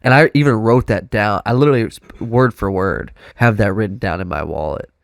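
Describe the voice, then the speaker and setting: A young man with a stuffed-up nose, a drummer guest chatting casually on a podcast in a studio, rambling excitably with plenty of "like". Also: on the low side, a little fast, vocal fry, dry recording. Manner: rambling, excitable, filler-heavy with "like".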